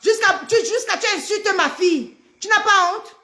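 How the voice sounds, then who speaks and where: A middle-aged pregnant woman, a social media personality, rants angrily on a live stream in a very high voice at normal speed. She shouts insults, trades jabs, and repetitively mocks her rivals.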